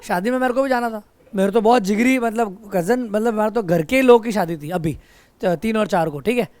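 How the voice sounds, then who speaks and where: In a dry recording, a man with a high-sitting, darkish voice teaches briskly, mixing lessons with banter and reprimands aimed at his students, who chatter behind him.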